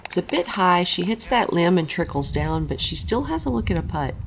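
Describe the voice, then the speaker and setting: A woman's voice: on the low side, sing-song, a little fast, vocal fry, a little hiss or hum, poor audio. A woman commentating on a disc golf tournament in a golf commentator's style, describing play over footage. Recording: music behind the voice. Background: background music.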